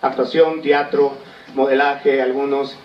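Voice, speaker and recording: Talking up his band in an interview, this man from Michoacán, Mexico, has a mid-range voice that stays fairly flat and moves a bit slowly. He speaks eagerly into a handheld mic, and the recording comes across distant, roomy and dull.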